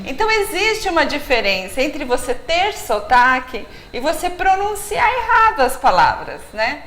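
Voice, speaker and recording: A woman guest on a TV studio interview, explaining clearly and demonstrating how words are pronounced. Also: high voice, very animated, normal speed, a bit bright, echoey room. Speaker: language consultant, guest.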